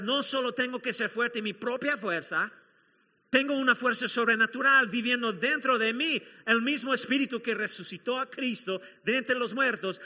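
Pastor, man, high sharp voice, emphatic preaching, dull recording with long hall reverb. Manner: emphatic, repeats key phrases, questions the congregation. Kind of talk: sermon.

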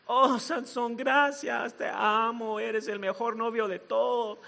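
A man's voice: very high-pitched, steady tone, slow, creaky, sharp tone, big-room sound, heavily acted. A man with a Mexican accent voicing a whiny, wheedling young woman in a sermon. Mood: sugary. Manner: pleading, mock-tearful, sugary.

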